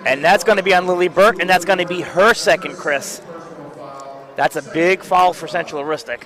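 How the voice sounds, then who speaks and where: High bright-voiced play-by-play man. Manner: rapid calls that jump up in pitch on big plays. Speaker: play-by-play announcer. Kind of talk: live basketball play-by-play. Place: courtside at a gym.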